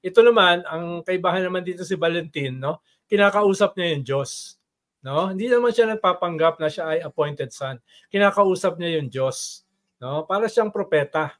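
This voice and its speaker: Higher-pitched man explaining politics. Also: normal speed. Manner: explanatory, tags sentences with "no?". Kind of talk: casual political talk show discussion.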